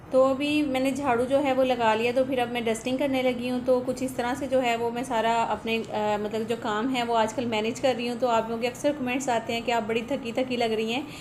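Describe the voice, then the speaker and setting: A woman, chatting quickly through a voice-over for her home vlog, rambling from one thing to the next. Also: on the high side, a little mellow, slight background noise. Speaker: vlogger and mother.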